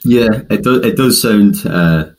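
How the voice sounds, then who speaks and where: A man with a Scottish accent, a podcast guest talking about his company in a monotone, halting way with many restarts. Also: fairly low pitch. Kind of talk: casual interview chat.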